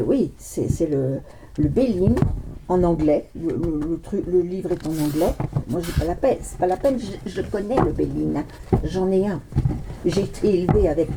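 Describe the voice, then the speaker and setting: A woman's voice: medium pitch, background noise. A woman tarot card reader chatting casually, rambling with many restarts and joking asides. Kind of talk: casual chat.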